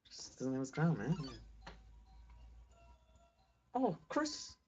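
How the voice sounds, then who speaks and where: A man reading game dialogue as a gentle, motherly goat woman, sweet and politely fussing. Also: mid-range voice, very animated, slow pace, muffled recording, soft background music. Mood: sweetly polite.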